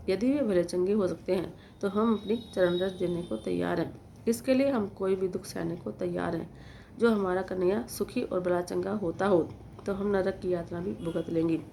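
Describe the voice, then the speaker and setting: A woman giving a devotional scripture discourse, recited in a slow, measured way. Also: mid-range voice, creaky, dark tone, a little hiss or hum. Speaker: devotional storyteller.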